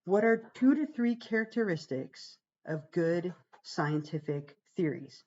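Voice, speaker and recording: A female psychology instructor, gravelly and deeper-voiced because she's sick, goes over a course page on a casual livestream at a measured pace. Her intonation is lively and her tone mellow as she chats reassuringly with many "um"s and "right?"s, all on lo-fi audio.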